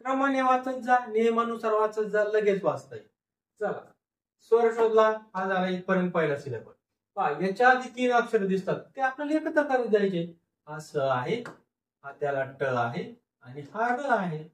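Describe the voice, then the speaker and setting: A man leads a phonics class. He sounds out each word piece by piece and repeats it for his students. His voice sits high and carries a roomy echo. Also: expressive, fairly bright tone, far from the mic. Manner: slow, repetitive syllable-by-syllable sounding out. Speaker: teacher. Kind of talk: phonics lecture, sounding out words. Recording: echoey room, voice from off the mic.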